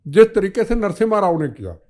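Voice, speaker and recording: Fiery older man with a high voice. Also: sing-song, fast talker, mellow. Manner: fiery, declamatory, repetitive rhetoric. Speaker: podcast guest, former minister. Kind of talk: impassioned political talk.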